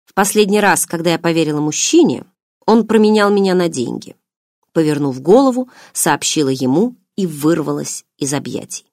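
A woman's voice: fairly low pitch, a little mellow, no echo. Woman narrating an audiobook, dry sound.

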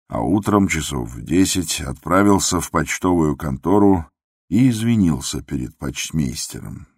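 Male audiobook narrator, extremely deep voice, unhurried, dry close recording. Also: slightly rough, no echo. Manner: measured, even storytelling. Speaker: audiobook reader. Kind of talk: scripted narration of classic prose.

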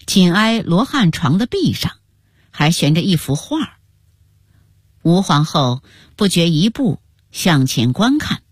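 A woman telling a historical story in scripted narration, with an expressive, melodic delivery. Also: fairly low pitch, a little slow, pauses often, slightly rough, no echo, clean studio sound. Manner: expressive, rising and falling melodically.

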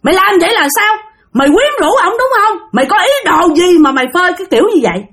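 Woman doing a shrill furious jealous sister. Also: sing-song, quick pace, fairly bright tone, full character voice. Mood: furious, accusing. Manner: shrill accusing tirade.

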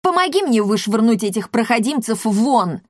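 A woman voicing a hot-tempered male cat pilot who shouts threats. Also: a little high, sing-song, moderate pace, dry recording, studio quality. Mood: furious.

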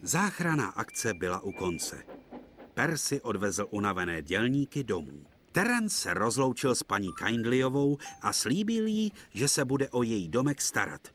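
Animated man narrating a children's cartoon. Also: mid-range voice, slight background noise. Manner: gentle, expressive. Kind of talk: storybook narration for a children's TV dub.

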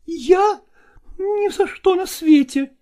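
A woman's voice: extremely high pitch, takes it slowly, mellow. A woman playing a stubborn, tearful young wife arguing with her father in a dramatized reading, emotional and defiant.

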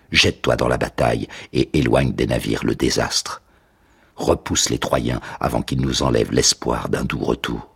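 A man's voice: extremely low pitch, creaky, fairly bright tone, slightly rough, heavily acted. A man voicing Achilles, a stern proud hero. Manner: stern, commanding delivery.

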